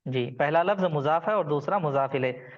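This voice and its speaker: A man's voice: on the high side, moderate pace, highs cut off. Patient male teacher quizzing his class. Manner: patient, quizzes students by name. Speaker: Arabic grammar teacher. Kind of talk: online class lecture.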